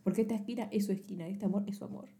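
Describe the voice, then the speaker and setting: A woman with a Rioplatense Spanish accent, co-hosting a podcast and retelling a film scene in teasing, animated chat. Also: medium pitch, rapid-fire. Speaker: podcast co-host. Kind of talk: casual chat.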